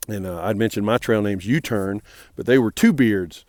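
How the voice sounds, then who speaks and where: Rambling hiker talking on a trail. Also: male voice, on the low side, moderate pace, darkish tone, dry recording, clean studio sound. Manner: rambling and friendly, with many fillers and restarts. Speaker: hiker vlogging his trail days. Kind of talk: casual trail vlog. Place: outdoors on a mountain trail.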